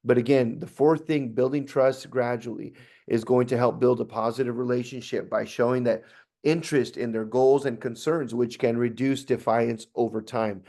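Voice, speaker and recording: A man talks staff through a training session in a relaxed, conversational way. His voice sits at an ordinary middle pitch. He often pauses on fillers and starts his sentences over. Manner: conversational, with frequent fillers and restarts. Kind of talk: instructional talk to staff.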